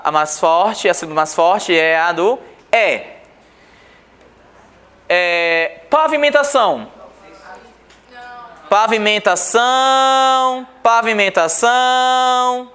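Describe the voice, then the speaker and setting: A man from Brazil teaching a Portuguese exam review class. He asks the class questions and answers them himself, and reads passages slowly. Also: high voice, bright, forceful tone.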